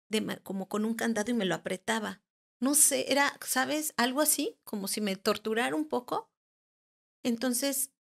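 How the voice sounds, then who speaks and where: A woman around forty, a therapist and podcast guest, recounting a personal paranormal experience in a halting way, often restarting and searching for words. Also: a little high.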